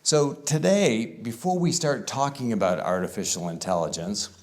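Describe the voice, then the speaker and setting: A man speaking to a room of pastors at a conference, conversational and easygoing, leaning on words and slowing down for emphasis. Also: fairly low pitch, darkish tone. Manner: conversational, with varied emphasis and deliberate slow stretches. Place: conference room with live audience.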